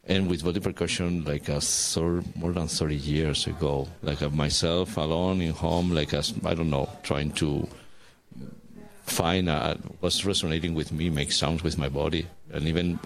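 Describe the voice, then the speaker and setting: A man from Spain with a Spanish accent, speaking as a guest artist in an interview, halting and searching for words in English. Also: very deep voice, fairly even intonation. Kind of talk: casual interview talk.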